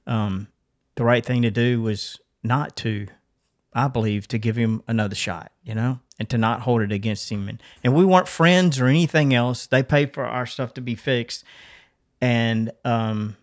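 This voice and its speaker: A man's voice: mid-range voice, moderate pace. A middle-aged man co-hosting a podcast, telling a personal story in a casual, earnest way that rambles and restarts. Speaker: podcast co-host.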